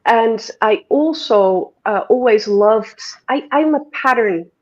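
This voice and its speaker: Animated and slow, a slightly high-voiced woman with a Dutch accent chats casually as an interview guest from the Netherlands. She rambles with fillers and restarts on a somewhat dull, lo-fi recording.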